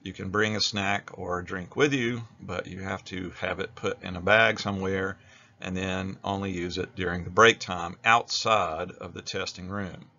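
A man's voice: deep voice, fairly even intonation, normal speed, bright, forceful tone, dull audio. An American man narrating an instructional video as a teacher, explaining things in a plain-spoken way.

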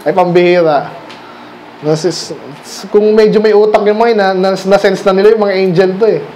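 Filipino pastor guy, high voice, preaching at a sunday night service, lots of "di ba?" questions to the crowd, faint hiss behind. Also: steady tone, moderate pace, darkish tone. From Philippines. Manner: conversational preaching, frequent rhetorical questions to the congregation; switches often between Tagalog and English. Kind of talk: sermon.

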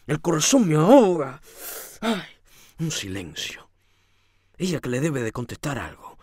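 A man giving a dramatic first-person reading of a novel, swinging from hushed tones to shouting. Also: on the high side, very animated, measured pace, breathy edge, no room sound, clean studio sound. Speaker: audiobook reader.

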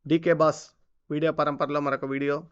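A man rattles off heated commentary at great speed, full of scornful rhetorical questions. His voice is smooth and clear and sits a little high. The recording is dull and lo-fi. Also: little pitch movement, a little fast. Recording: dull lo-fi sound.

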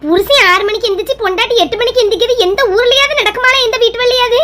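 A woman's voice: very high voice, fast, bright, forceful tone. A woman with a Kanyakumari Tamil accent playing a complaining mother-in-law who nags in a comedy skit. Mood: scolding. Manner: nagging and self-pitying. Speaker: skit performer.

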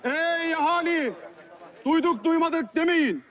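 An actor playing a town crier in a historical drama, proclaiming a decree in a loud, drawn-out, formal call. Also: male voice, very high-pitched, animated, full character voice.

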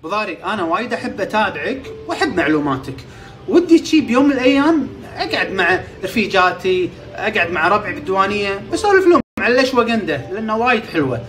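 A man's voice: high-pitched, big pitch swings, very fast, fairly bright tone, far from the mic, soft background music. A man with a Kuwaiti accent playing an eager adult fan of the show who talks in a chatty, pleading way. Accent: Kuwaiti Arabic.

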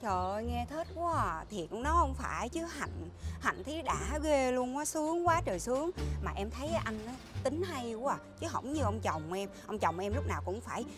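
Chatty woman, high voice. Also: sing-song, moderate pace, hardly any pauses, music in the background. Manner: chatty, exclamatory, keeps saying "trời ơi". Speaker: wife in a comedy sketch. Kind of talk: comedy sketch acting.

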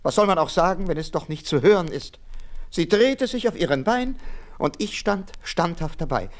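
An actor playing a steadfast, lovesick tin soldier who narrates his own story in a radio play, earnestly and gently. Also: high-pitched, lively intonation, moderate pace. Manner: earnest, gentle, proud, sometimes whispering.

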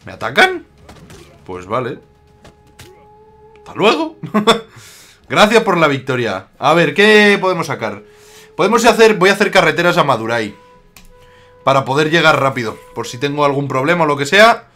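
A man's voice: fairly high pitch, big pitch swings, normal speed, pauses often, bright, forceful tone, soft background music. A man from Spain with a slight Aragonese accent, giving casual, jokey commentary while playing a strategy game and talking back to his rivals. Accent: Aragonese Spanish. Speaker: gaming YouTuber.

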